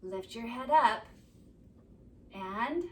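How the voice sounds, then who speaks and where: Female kids' yoga teacher, unhurried and sing-song, recorded at a distance in a roomy space. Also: on the high side, expressive, a little hiss or hum. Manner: gentle, slow, sing-song prompts to children. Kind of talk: guided kids' yoga instruction. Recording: echoey room, mic at a distance.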